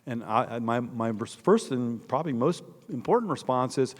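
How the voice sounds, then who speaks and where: An older biographer from northeastern Indiana, with an American Midwestern accent and a medium-pitched voice, answers an audience question at normal speed in an animated, conversational way. His storytelling is emphatic and digressive. The public talk is in a large hall with long, echoing reverb.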